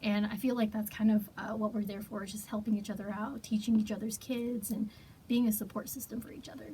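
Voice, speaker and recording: A woman guest in a radio studio talking softly and a little hesitantly in a casual interview, with plenty of fillers. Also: medium pitch, flat delivery, brisk, a little hiss or hum, poor audio. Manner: soft-spoken, hesitant, many fillers.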